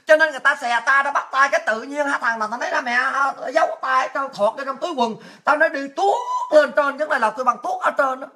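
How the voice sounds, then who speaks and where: A woman's voice: sits high, fast talker, few pauses, sharp tone. A woman hosting a heated political rant, fiery and mocking, acting out the people she quotes. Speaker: political commentary host.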